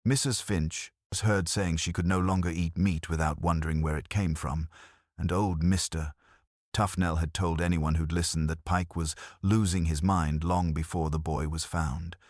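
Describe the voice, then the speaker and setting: A man calmly narrating a mystery audiobook in a measured reading. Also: sits low, no echo, studio quality.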